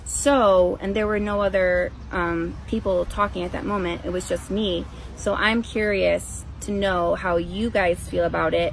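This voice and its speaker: Gravelly, lowish-voiced woman vlogging casually. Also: rough recording. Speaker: ghost investigator presenting her team's recording. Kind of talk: casual explanatory vlog talk to viewers. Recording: faint background noise.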